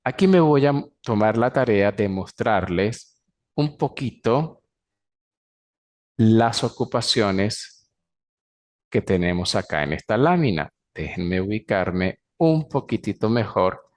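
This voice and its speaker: Slow-talking Venezuelan man teaching English. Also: lowish voice, expressive, darkish tone. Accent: Venezuelan Spanish. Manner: slow, explanatory, stretches out English example phrases. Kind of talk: recorded class lecture.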